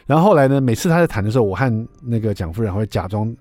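A man's voice: on the low side, racing, dry recording, soft background music. A middle-aged man, hosting a radio show and telling a story in a chatty way. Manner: chatty, acts out dialogue with lively voices. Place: radio studio.

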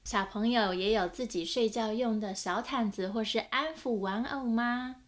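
一位女性为孩子们朗读绘本，讲得温和缓慢。. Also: female voice, fairly high pitch. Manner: slow, gentle storytelling. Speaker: storyteller for children. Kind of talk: picture-book reading.

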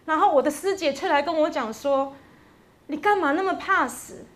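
Woman, preacher, high voice, storytelling sermon, emphatic exhortation. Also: normal speed, fairly bright tone.

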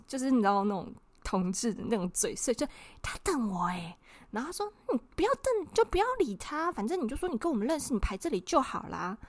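Woman, somewhat high voice, dry close mic, indignant storytelling. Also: no echo. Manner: indignant, animated, acts out quoted people. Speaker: podcast co-host. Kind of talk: casual storytelling chat.

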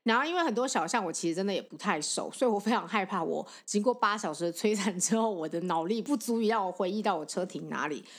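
Lively Taiwanese Mandarin woman. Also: medium pitch. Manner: animated storytelling, quick laughs. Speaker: podcast co-host. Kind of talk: casual chat.

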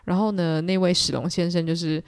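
A young woman with a Taiwanese Mandarin accent, hosting a solo book-club podcast and retelling a story in a chatty way, often putting on animated voices. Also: lowish voice, a little fast, smooth, no room sound, studio quality. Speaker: podcast host.

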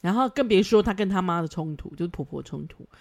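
Woman host, pitch that swings widely, frank and foul-mouthed, quick to laugh. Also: lively intonation. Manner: blunt, swears freely, laughs often. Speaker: podcast host. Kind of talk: casual advice chat.

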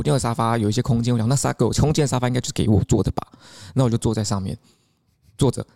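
A man's voice: medium pitch, gravelly, dark tone. A man with a Taiwanese Mandarin accent, co-hosting a podcast and telling a story in casual chat, chatty and often laughing. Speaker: podcast co-host.

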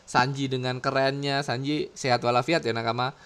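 A man's voice: medium pitch, normal speed, clean tone. A man hosting a casual podcast. He reads comic panels aloud, gets worked up and swears a lot. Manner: excitable, swears often, slips into dramatic readings. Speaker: podcast host.

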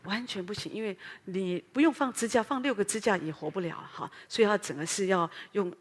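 A middle-aged woman pastor with a Taiwanese Mandarin accent, preaching an earnest, animated sermon full of fillers and rhetorical questions. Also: medium pitch, a little fast. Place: church sanctuary. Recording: long hall reverb.

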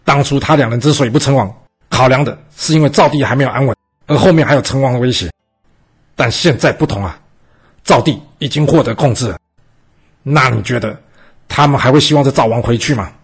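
A man voicing a bold, clever young male army cook who argues calmly and persuasively. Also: mid-range voice, fairly quick, breathy edge.

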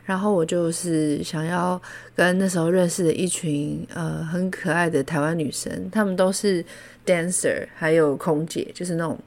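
A woman from Taiwan with a Taiwanese Mandarin accent, hosting a podcast and telling stories in a casual, animated way, laughing often. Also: on the low side, moderate pace, vocal fry. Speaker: podcast host. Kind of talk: casual storytelling.

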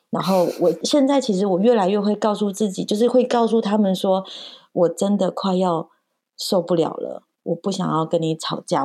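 A woman's voice: fairly low pitch, dark tone. A woman from Taiwan, a mother and podcast guest, telling a family story in casual chat and acting out the voices of her child and herself.

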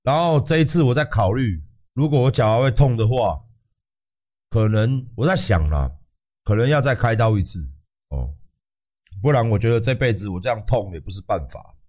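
A man's voice: medium pitch, lively intonation, normal speed, long pauses, darkish tone. Profane Taiwanese man ranting heatedly. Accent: Taiwanese Mandarin. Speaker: livestream host. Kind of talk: ranting livestream commentary.

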